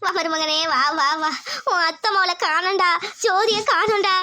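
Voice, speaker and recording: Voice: extremely high pitch, fast, pushed and bright. A performer doing a wailing village mother. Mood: distraught. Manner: wailing, pleading. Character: tearful middle-aged village mother. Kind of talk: cartoon voice acting.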